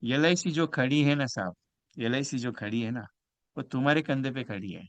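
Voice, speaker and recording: A man giving a motivational sales training talk. He is emphatic, jumps from loud bursts to quiet asides, and acts out phone calls with clients. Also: medium pitch, normal speed, no echo.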